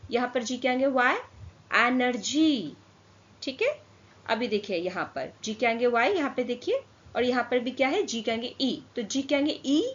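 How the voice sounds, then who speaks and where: A woman teaching a phonics lesson to children, stretching out each example word and asking questions as she goes. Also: high-pitched. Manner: slow, drawn-out word modelling with repeated questions. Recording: dull lo-fi sound.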